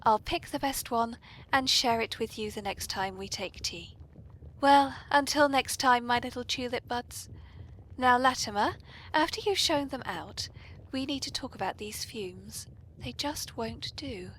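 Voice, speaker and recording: With a slightly high, somewhat bright voice and an unhurried pace, a British woman hosts a comic tea-party podcast. Her manner is polite, genteel and playfully arch, and the amateur recording quality is poor and noisy.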